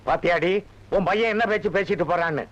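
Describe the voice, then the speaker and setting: An actor playing a fussy, theatrical village father in a film comedy, loud and melodramatic. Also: high-pitched, quick pace. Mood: scolding. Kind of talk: Tamil film comedy acting. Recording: dull lo-fi film soundtrack.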